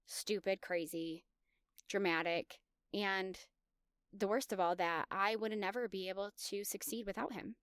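This woman's voice sits on the low side, yet it comes across a little bright, clear, and resonant. She is a podcast host in her thirties, delivering a frank, confessional monologue about her own life, recorded dry at studio quality.

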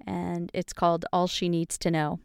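Woman hosting podcast, exceptionally clear voice. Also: lowish voice, little pitch movement, moderate pace, no room sound, clean studio sound. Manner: gentle, warm and reminiscing. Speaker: podcast host. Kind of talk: reflective podcast monologue, reading her own poetry.

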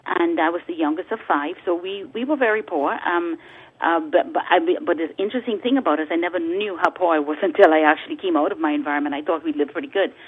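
A woman from the Bahamas, a guest author on a talk radio interview, speaks earnestly over a phone call, repeating words for emphasis like a preacher. Her voice is lowish and quick, and the tinny phone line carries a little hiss or hum.

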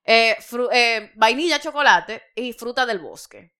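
Young woman, podcast co-host, bright, animated, loose and swearing. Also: on the high side, unhurried, clear, resonant tone. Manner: lively, laughs often, swears casually. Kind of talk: casual chat.

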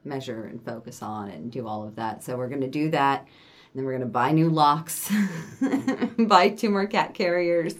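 Young woman podcast co-host, low pitch, animated casual chat with acted-out quotes. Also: moderate pace. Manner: animated, swears freely, acts out quotes.

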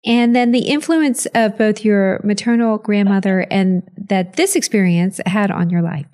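A woman hosting an interview, asking measured, thoughtful questions and murmuring along as her guest talks. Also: mid-range voice, a little mellow. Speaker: podcast host.

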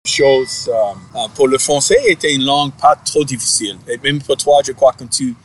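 A man whose first language is English, interviewing casually in a second language, halting and searching for his words. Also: medium pitch, steady tone, breathy edge.

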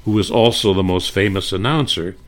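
An older man fondly reminiscing about old radio shows and comics, unhurried and warm in tone. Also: low-pitched. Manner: unhurried, fond, with fillers and restarts. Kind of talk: nostalgic reminiscing talk.

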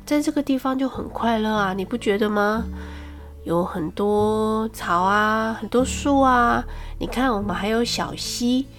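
A woman's voice: fairly high pitch, measured pace, soft background music, close to an everyday voice. A woman voicing a big, cheerful brown bear in a storybook tale who patiently explains things. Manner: reassuring, explaining.

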